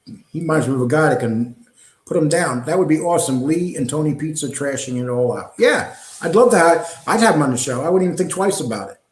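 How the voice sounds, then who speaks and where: A middle-aged man talks loosely through a live stream, drifting between topics and filling pauses with ums. His voice sits a little high for a man. The room around him is echoey and hollow. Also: expressive. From New York. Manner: talkative, digressive, frequent ums and uhs. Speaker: host reading live chat. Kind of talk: casual live-stream chat.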